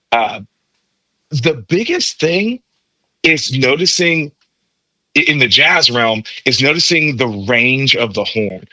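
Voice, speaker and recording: A man's voice: mid-range voice, sharp tone, no echo, low-quality recording. A man who plays trumpet, explaining jazz tone and technique in a teacherly way on a podcast. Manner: explanatory, teacherly, repeats words for emphasis. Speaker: trumpet player guest. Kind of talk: podcast interview, explaining music.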